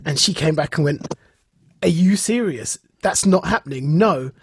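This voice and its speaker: A slightly high, lively male voice at a moderate pace belongs to an English podcast co-host with a British accent. Chatting casually, he recounts anecdotes and acts out reactions, over a faint hiss or hum.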